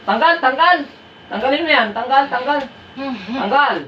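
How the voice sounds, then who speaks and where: A woman faith healer in an exorcism ritual, chanting incantations and barking rapid commands. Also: sits high, expressive, slight background noise. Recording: roomy, distant, dull room recording.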